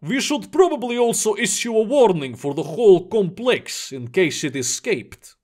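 Blunt dock chief, matter-of-fact, dry, gruff male, read by a man, lively pitch. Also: normal speed.

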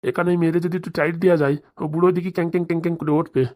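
A woman's voice: lowish voice, level tone, very fast, warm tone, lightly acted. A woman voicing a meek, henpecked old village husband in a comic cartoon, placating and backpedaling.

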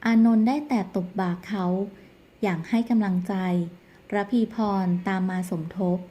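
A woman narrating the plot of a television drama episode in a steady storytelling manner. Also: medium pitch, measured pace.

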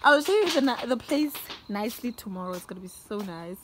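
A woman's voice: fairly high pitch, lively intonation, fairly quick, fairly bright tone, a little hiss or hum. A young woman casually narrating a house tour on a handheld phone, chatty and easily delighted, gushing over each room. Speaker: vlogger. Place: holiday lodge, indoors. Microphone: handheld phone camera.

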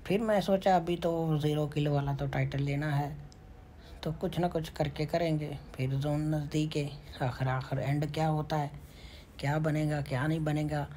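A man giving casual commentary over his own mobile game matches, excitable and muttering to himself. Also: on the high side, moderate pace. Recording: noisy with game gunfire behind. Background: gunfire and game sounds.

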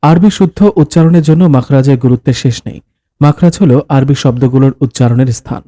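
Dark-voiced man explaining patiently. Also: medium pitch, fast, no room sound. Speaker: storyteller voicing a husband. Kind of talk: scripted story narration of dialogue.

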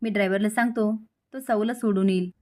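A woman's voice: medium pitch, fast talker, lightly acted. A woman reading as a kindly, protective rich man. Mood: courteous. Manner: calm, courteous.

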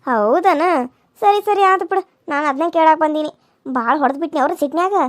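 A very high, rapid voice for a gentle young village woman in a cartoon, coaxing and rustic in a North Karnataka accent, as a woman acts her out. The sound is dry and close to the mic. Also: animated, dry recording. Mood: pleading. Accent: North Karnataka Kannada. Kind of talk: cartoon serial voice acting.

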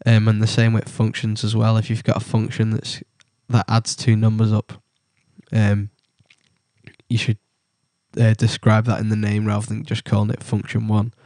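Man with a cold, halting delivery. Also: fairly low pitch, monotone, a little mellow, no echo, clean studio sound. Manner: halting, many ums and likes. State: has a cold. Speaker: tutorial presenter. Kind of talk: casual screen-recorded coding tutorial.

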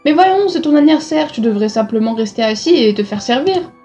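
A woman reading the lines of a fussing middle-aged mother in a game, bright and insistent. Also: sits high, animated, a little fast, soft background music. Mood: cheerful.

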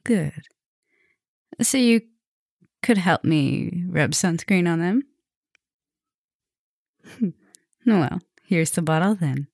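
In an intimate ASMR roleplay, a woman fully voices a soft-spoken, dominant vampire professor, speaking low with lively intonation and a gravelly fry. She murmurs affectionately and teasingly, flirting as she draws out words and leaves long pauses. The sound is close and very dry, with no echo.

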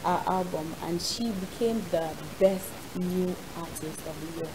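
A young woman, presenting a segment in casual studio chat, animated and quick to laugh. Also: on the low side, a little hiss or hum, poor audio. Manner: animated, laughs often, acts out quotes. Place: TV studio, seated with co-hosts.

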